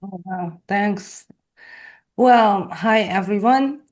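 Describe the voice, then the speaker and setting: A woman from Hungary with a Hungarian accent, speaking English as a podcast guest, talking slowly and thoughtfully with soft laughs. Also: medium pitch. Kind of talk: casual interview talk.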